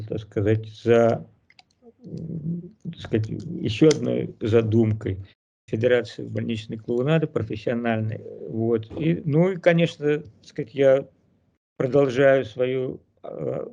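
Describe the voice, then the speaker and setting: Male mime actor-director, interview, hesitant delivery, gravelly and mellow, muffled recording. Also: medium pitch. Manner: hesitant, many filler sounds. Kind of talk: interview recollection.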